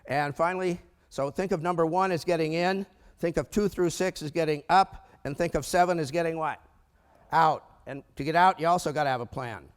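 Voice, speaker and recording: An older American man giving an energetic conference talk on business finance, with rhetorical questions and humorous asides. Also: a little high, brisk, clear, resonant tone. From United States. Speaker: keynote speaker on business finance. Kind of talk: conference presentation. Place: large conference room. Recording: echoey hall reverb.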